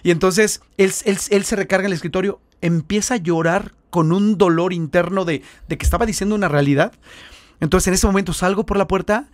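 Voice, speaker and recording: Animated Mexican man with a high voice. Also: fairly quick, no echo. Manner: animated, acts out the voices in his stories. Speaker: guest, missionary. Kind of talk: storytelling in an interview.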